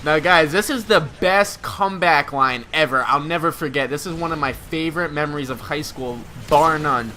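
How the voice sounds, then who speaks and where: A young man in his twenties with a bright, forceful voice sitting a touch high in his range. He talks over gameplay in a loose, slangy way, laughing through his own stories. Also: normal speed, few pauses, a little hiss or hum. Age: 20s. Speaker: gaming channel host. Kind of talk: gameplay commentary storytelling.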